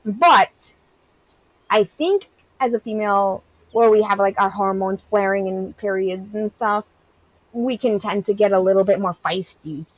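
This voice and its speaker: A woman's voice: mid-range voice, a little slow, poor audio. A woman in her thirties, a game streamer, chatting casually and answering her live chat in a candid, rambling way full of "like". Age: 30s. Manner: candid, rambling, heavy use of "like".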